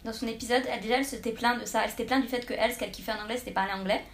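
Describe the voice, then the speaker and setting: A woman's voice: a little high, a little hiss or hum. A woman hosting a podcast, talking casually and addressing the listeners directly. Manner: rapid, lively, addresses listeners. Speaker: podcast host.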